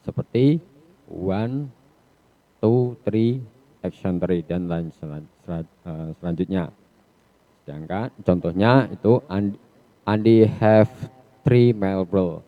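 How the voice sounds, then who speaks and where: A male English teacher with an Indonesian accent, giving an online lesson, explaining slowly in a mix of Indonesian and English with hesitant restarts. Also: fairly low pitch. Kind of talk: online class lecture. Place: home or classroom on a video call. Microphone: video call. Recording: dull lo-fi video call audio.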